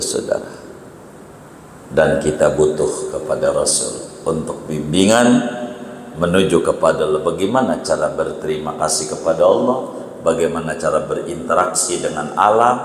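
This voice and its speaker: A man preaching at a mosque study session, lecturing and repeating key words, often leaping higher for emphasis. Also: slight background noise. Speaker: Islamic preacher. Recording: echoey hall reverb.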